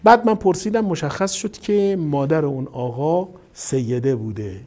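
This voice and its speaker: A middle-aged male cleric delivers a sermon in a somewhat high but dark, mellow voice. He tells stories animatedly, slipping into the quoted speakers' voices as he goes. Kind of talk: sermon with storytelling.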